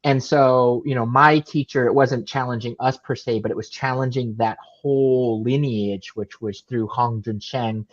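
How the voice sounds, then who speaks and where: A man's voice: medium pitch, steady tone, dull audio. A man talking casually and hesitantly as a guest, stopping and restarting his sentences. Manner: hesitant, halting starts. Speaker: guest kung fu master. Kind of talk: casual chat on a live show.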